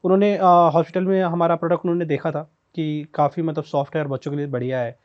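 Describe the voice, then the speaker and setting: A man, a startup co-founder, answering podcast interview questions hesitantly with many filler pauses. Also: a little high, level tone, muffled recording.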